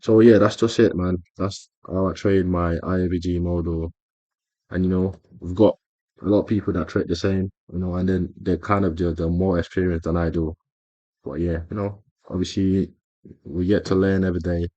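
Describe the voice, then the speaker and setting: A man's voice: sits low, little pitch movement, normal speed, dark tone, dry recording, highs cut off. A man explaining a trading strategy over his screen in a casual tutorial, rambling with frequent fillers and self-corrections. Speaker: trading educator.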